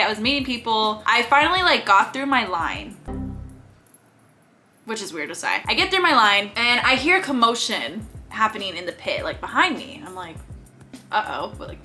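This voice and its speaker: A young adult woman telling an animated storytime to her viewers, chatty and full of laughs. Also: on the high side. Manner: animated, fast-talking storyteller with lots of "like" and laughs. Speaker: YouTuber. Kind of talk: storytime vlog.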